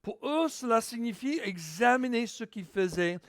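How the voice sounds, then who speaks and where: High-voiced man preaching a sermon. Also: expressive, moderate pace, no room sound, clean studio sound. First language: English. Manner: emphatic, builds to near-shouting on key points; restarts words mid-sentence. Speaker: pastor.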